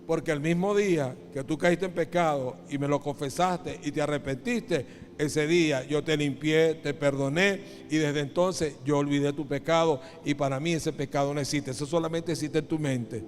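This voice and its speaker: A man voicing God as a gentle, patient father in a sermon story. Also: on the high side, steady tone, moderate pace, long reverb tail, lightly acted.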